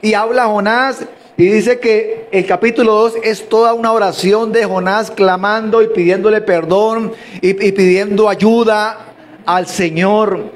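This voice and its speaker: Male preacher, high-pitched, sermon delivery, halting restarts and rhetorical questions. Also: fairly even intonation.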